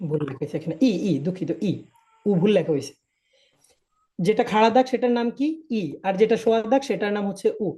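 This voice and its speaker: A man's voice: high voice, fairly quick, warm tone. A man teaching a live online language class, patiently repeating each point and checking that students follow. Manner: patient, drills by repetition and checks understanding.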